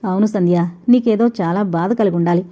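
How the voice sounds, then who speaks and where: A woman voicing an older man in a storybook reading, speaking in a calm, kind, persuading way. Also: medium pitch, brisk, muffled recording, lightly acted. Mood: gentle. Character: older man, a gentle concerned elder.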